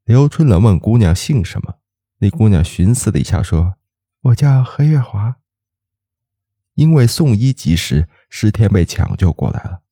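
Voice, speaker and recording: Male ghost-story reader, deep dark husky voice, lively delivery, dry close sound. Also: moderate pace, dry recording.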